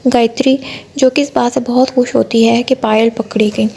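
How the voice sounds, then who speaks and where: A woman's voice: fairly high pitch, level tone, moderate pace, vocal fry, a little mellow. A woman narrating a cartoon bedtime story, reading steadily with small slips and restarts.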